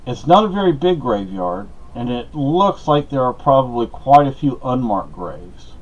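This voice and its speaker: Very animated at a moderate pace, a middle-aged podcast host with a mid-range voice gives a rambling, casual monologue of personal updates. It's conversational and loaded with asides and personal anecdotes; the lo-fi sound is dull.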